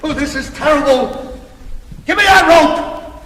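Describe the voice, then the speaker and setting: A man's voice: very high voice, a little slow, pushed and bright, heavily acted. A man acting a boastful, competitive self-made businessman in a stage comedy, bragging theatrically in long lists. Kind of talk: stage comedy cast recording. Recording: echoey theater with long reverb.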